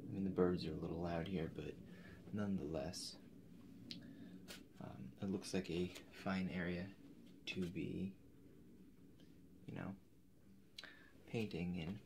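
In this ASMR roleplay, a twenty-something performer voices an eccentric painter in a very low, creaky, steady tone. His soft speech is halting and hesitant, at times fading to whispers. He's indoors before a forest backdrop, and noise is clearly audible in the background.

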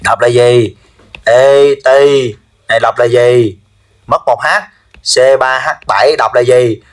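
A man teaches chemistry, drawing out his words slowly. He keeps firing short check-in questions at the class. His pitch sits in an ordinary middle range. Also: fairly even intonation. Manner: drills students with repeated quick questions. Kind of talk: classroom lesson.

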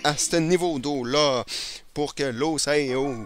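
Casting: Québécois man in his let's play, somewhat high voice, jittery nonstop chatter. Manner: hyper, rambling, talks nonstop and fast. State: slightly irritated throat. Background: video game music.

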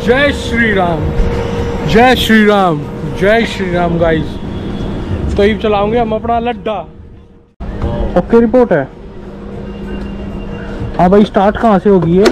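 A high-voiced man in his thirties chats unhurriedly and excitably while vlogging at an outdoor go-kart track. His action camera picks him up outdoors, with loud music running over the track noise. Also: takes it slowly, long pauses, poor audio. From Haryana, India. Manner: excitable, whooping and shouting while driving. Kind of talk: casual first-person vlog. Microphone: action camera mounted on the body.

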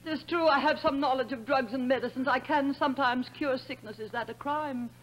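A woman's voice: high-pitched, a little fast, lo-fi sound. An actress playing a proud, bitter, wronged sorceress queen in grand declamatory 1950s stage tragedy style. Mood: guarded.

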